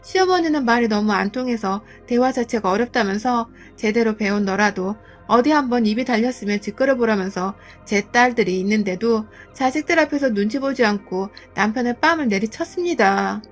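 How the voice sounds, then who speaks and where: A woman's voice: fairly high pitch, lively intonation, brisk, few pauses, faint music behind. A woman narrating a first-person true story in an indignant, emphatic way.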